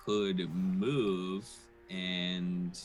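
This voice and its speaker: A man's voice: deep voice, little pitch movement, extremely slow, faint music behind. A man playing a tabletop game, talking casually through his moves.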